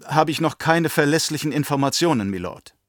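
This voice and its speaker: A man's voice: a little high, lively intonation, a little fast, no echo, clean studio sound, voice pushed up, natural voice. A man voicing a nervous, drugged guard captain who stammers through servile reports in an audiobook reading.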